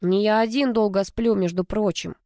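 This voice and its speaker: A woman's voice: medium pitch, fairly even intonation, moderate pace, warm tone, dry recording, clean studio sound, close to an everyday voice. A woman voicing a young man, a tired, sarcastic older brother who grumbles at his sister. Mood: grumbling.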